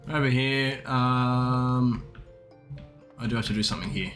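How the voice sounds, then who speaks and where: Sex: man. Role: game streamer. Style: playthrough commentary. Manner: casual, rambling, self-correcting. Timbre: bright. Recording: faint background music. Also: mid-range voice, fairly even intonation, measured pace.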